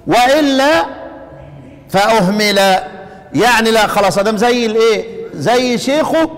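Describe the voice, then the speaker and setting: A man with an Egyptian accent teaching Quran recitation. He explains a poem line by line, chants the verses slowly and keeps asking his listeners questions that he then answers himself. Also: high-pitched, long reverb tail. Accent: Egyptian Arabic.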